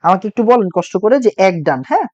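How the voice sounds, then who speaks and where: A man's voice: sits high, sing-song, very fast, darkish tone, dull audio. A young man teaching a chemistry class online, with a sore throat, repeating each point and quizzing his students. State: sore throat from talking loudly.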